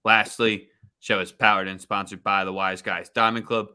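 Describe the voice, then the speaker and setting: A man's voice: on the low side, little pitch movement, moderate pace, pushed and bright, clear, resonant tone. A man co-hosting a casual sports betting show, talking loosely with jokes and slang. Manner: loose, joking, slangy delivery. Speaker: podcast co-host.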